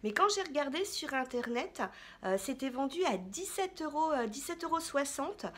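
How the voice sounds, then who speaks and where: A woman's voice: high voice, lively intonation, moderate pace, fairly bright tone. A woman vlogger chatting casually about products she bought, hesitating often with fillers. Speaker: beauty vlogger. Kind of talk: casual haul vlog chat.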